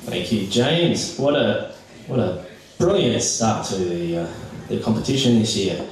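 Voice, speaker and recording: A man's voice: fairly low pitch, big pitch swings, unhurried, a little hiss or hum. A man hosting a poetry slam, announcing to the venue and often repeating himself. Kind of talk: live event announcing. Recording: very echoey hall, distant microphone.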